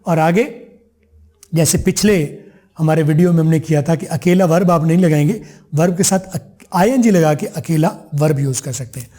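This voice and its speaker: A man teaching a spoken English lesson, drawing out example phrases slowly between brisk explanations. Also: a little high, warm tone.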